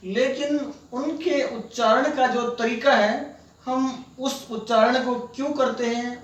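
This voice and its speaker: A man teaching children, talking slowly and patiently and sounding out each letter one at a time. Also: very high-pitched, a bit bright. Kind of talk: slow, deliberate classroom lesson. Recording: echoey room, voice from far off.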